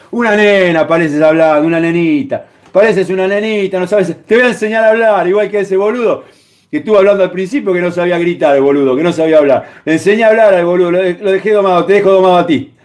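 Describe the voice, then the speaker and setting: High-voiced badgering Argentine man. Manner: insulting, repetitive, badgering shouts. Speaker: streamer taking calls. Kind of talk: heated live-stream call-in.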